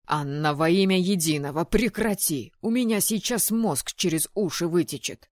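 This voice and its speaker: A woman voicing a young male high mage who is ironic and easily flustered, in an audiobook. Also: normal speed, a little mellow, no echo, clean studio sound, lightly acted. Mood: pleading. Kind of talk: audiobook narration.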